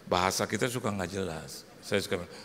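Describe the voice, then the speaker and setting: A man's voice: low-pitched, fast talker, a bit bright. A man, a pastor, preaching a sermon and telling a comic story, acting out the other people in it with voices. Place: church hall. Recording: long echo of a large hall, faint noise.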